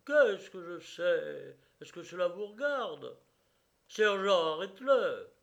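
A man's voice: sits high, big pitch swings, measured pace, fairly bright tone, dull audio, pitched above the performer's own voice, heavily acted. A man voicing a threatening police officer who barks orders in a rage. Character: menacing, enraged police sergeant-major, a grown man.

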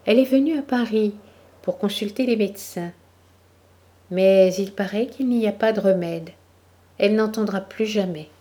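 A woman reader voicing a gossipy society countess who talks briskly and exclaims. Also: medium pitch, dark tone, natural voice. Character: chatty society countess, middle-aged woman.

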